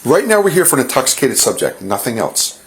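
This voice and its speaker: A man's voice: medium pitch, big pitch swings, quick pace. A male police officer questioning a woman inside a home, firm and insistent, steering her back to the point. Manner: firm, insistent, keeps redirecting.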